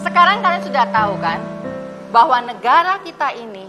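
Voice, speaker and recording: A woman plays a patient classroom teacher with a fairly high voice, explaining a lesson and calling on her pupils. Clear background music runs under her. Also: very animated, fairly quick. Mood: instructive. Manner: instructive, questioning.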